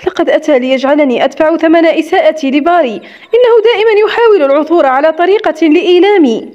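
A woman's voice: high voice, fast, darkish tone, highs cut off, natural voice. A woman voicing a young widowed woman who speaks in a tired, sarcastic way, in an audiobook story. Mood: weary. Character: young widowed woman, bitter, weary and hurt.

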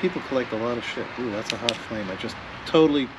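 A man's voice: medium pitch, quick pace. A man hosting a casual chat outdoors, joking easily as he talks with a cigar in his mouth. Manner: joking, easygoing banter. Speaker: host. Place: outdoors at a house, backyard. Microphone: camera on a selfie stick. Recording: noisy outdoor recording with passing traffic and air conditioning.

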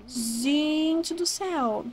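High-voiced gushing Brazilian woman. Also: extremely slow. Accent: Brazilian Portuguese. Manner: gushing, excitable, says "gente" constantly. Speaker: gaming YouTuber. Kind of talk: casual gameplay commentary.

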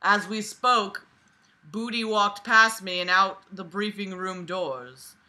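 This woman, in her twenties, speaks slowly in a mid-range voice that sounds pushed and bright. She's reading aloud while lying on a bed in a small indoor bedroom, stopping for profane, sarcastic, exasperated commentary that ridicules the text.

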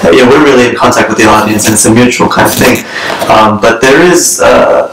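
A young man from Maryland, a pianist, speaking haltingly with many fillers. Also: medium pitch, creaky, reverberant, far from the mic, noisy background. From Maryland, USA. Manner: halting, many "uh" and "you know". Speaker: pianist being interviewed. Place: bright room indoors.

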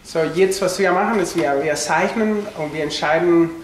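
This Chilean-accented instrument maker and musician, a man in his forties, uses a fairly high pitch at a normal pace as he explains his craft to camera in hesitant, non-native wording. The echo of the indoor workshop comes through along with slight noise.

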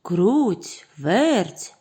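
A patient, hardworking little rooster from a children's storybook, calling out to friends or speaking in a calm, hushed way, as a woman narrator does him. Her tone is mellow and a bit husky. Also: fairly low pitch, slow, heavily acted.

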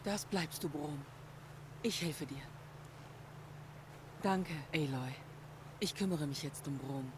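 A gentle, caring sister. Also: female voice, sits low, takes it slowly, pauses often, noisy background. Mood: earnest. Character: caring sister of a troubled man. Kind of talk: video game voice acting.

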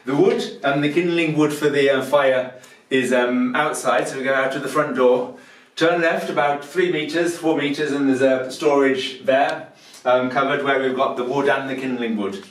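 In a stone-walled kitchen, a holiday rental host in his fifties patiently walks through a task step by step for a tutorial, using lots of ums. He speaks in a mid-range voice with a steady tone and moderate pace, captured on a handheld camera.

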